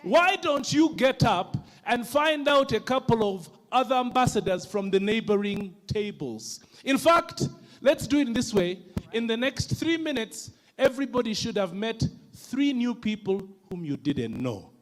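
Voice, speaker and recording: A man from Uganda co-hosting an awards ceremony, teasing and rousing the crowd in a playful, energetic way. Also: very high-pitched, a little slow. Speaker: event co-host.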